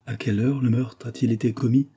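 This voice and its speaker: A man's voice: mid-range voice, steady tone, brisk, warm tone, slightly rough, pitched above the performer's own voice. A man doing an indignant accused clerk. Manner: protesting, indignant. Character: indignant male clerk defending himself.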